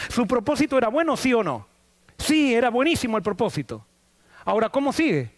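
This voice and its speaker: A man preaching a sermon to a congregation in a church, asking them questions and answering them himself. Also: sits high. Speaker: pastor.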